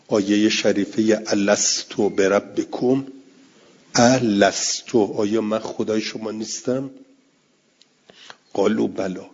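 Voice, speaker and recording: Male lecturer, low husky voice, text-and-explanation teaching style, muffled lo-fi recording. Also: a little mellow. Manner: reads Arabic text aloud, then explains it in colloquial Persian. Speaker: teacher of Quranic exegesis. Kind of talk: classroom lecture reading and explaining an Arabic text. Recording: dull lo-fi recording.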